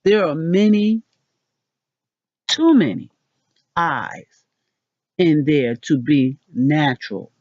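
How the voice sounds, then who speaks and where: A woman hosting a casual pronunciation lesson, chatty and self-deprecating, repeating words slowly. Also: sits low, animated, darkish tone, no room sound, highs cut off. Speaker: channel host.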